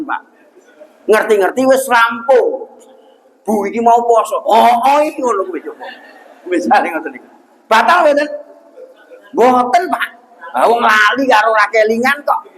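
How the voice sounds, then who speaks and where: A young man with a Javanese accent gives a lighthearted mosque sermon in a high voice. He keeps asking the congregation questions and answers them himself, with a teasing, joking manner. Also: fairly bright tone, low-quality recording. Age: young adult. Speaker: preacher. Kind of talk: humorous village sermon.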